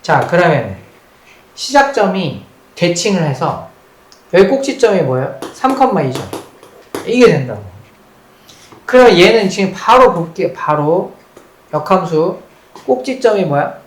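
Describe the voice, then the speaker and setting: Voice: mid-range voice, sing-song, unhurried, long pauses. Math teacher, lecture at the board, repeats each point, fires questions at students, echoey room. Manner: drills key points by repeating them, quizzes students; mixes polite and casual speech toward students. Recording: roomy echo with faint background noise.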